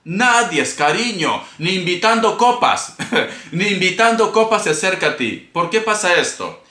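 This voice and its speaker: Male tarot reader, playful and chatty, slightly high voice, echoey home room. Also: sing-song, moderate pace, pushed and bright. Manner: chatty, playful, calls viewers cariño; bursts into singing and laughter. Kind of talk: casual tarot reading to camera.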